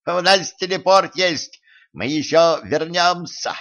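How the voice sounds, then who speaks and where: A man voicing a band of tiny armored knights with squeaky, shrill voices. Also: slow pace, fairly bright tone. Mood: taunting. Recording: muffled lo-fi recording.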